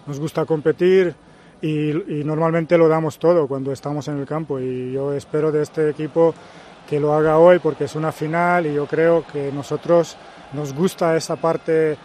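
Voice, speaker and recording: A man in his fifties from Serbia, a native Serbian speaker with a Serbian accent, talking as a guest pundit on a live match broadcast in a measured, hesitant way. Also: on the high side, steady tone, darkish tone, a little hiss or hum. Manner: measured, hesitant with frequent pauses. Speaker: guest pundit, former footballer and coach. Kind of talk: live match commentary chat.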